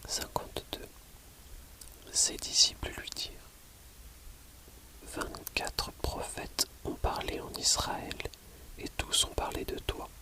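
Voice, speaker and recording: Slow, hushed library whisper, ASMR reading. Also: low-quality recording. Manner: measured, pausing between short phrases. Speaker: audiobook reader.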